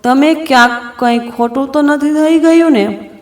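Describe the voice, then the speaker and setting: A woman's voice: high-pitched, a little slow, echoey room, soft background music. A woman voicing a scheming young wife who puts on a show of concern. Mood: fake concern. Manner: fake concern.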